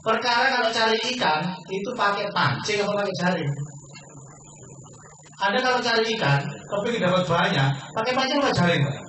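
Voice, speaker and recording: Persuasive high-voiced man in echoey hall. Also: animated, fairly quick, bright, forceful tone, recorded from a distance, slight background noise. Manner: persuasive, keeps addressing listeners as sir and quizzing them. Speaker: business opportunity presenter. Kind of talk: sales seminar pitch to an audience.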